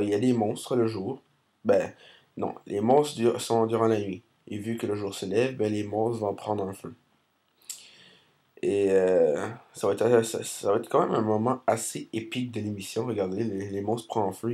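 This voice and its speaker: A man's voice: fairly low pitch, mellow. A man with a Québécois accent giving rambling, hesitant commentary over recorded gameplay. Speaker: gaming commentator.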